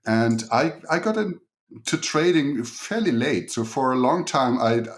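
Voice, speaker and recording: A middle-aged man from Germany speaks with a German accent at an average pitch. He answers conversationally, as a guest being interviewed on a podcast. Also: lively intonation, a little slow. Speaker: podcast guest, engineer and investor.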